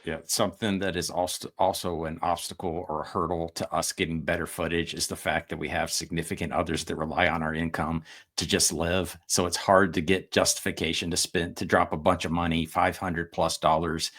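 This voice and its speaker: Deep-voiced earnest male interviewer. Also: level tone, fairly bright tone. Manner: measured, earnest, with some stumbles. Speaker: interview host, channel owner. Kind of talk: casual interview.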